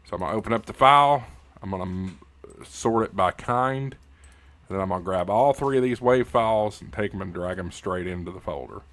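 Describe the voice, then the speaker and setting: A man's voice: sits low, fairly quick, fairly bright tone. A man with an Appalachian hillbilly accent hosting a casual tutorial in a folksy, informal way, talking straight to his viewers. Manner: folksy, informal, addresses viewers as y'all and guys. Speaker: YouTube host and amateur radio news anchor. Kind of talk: casual tutorial livestream chat.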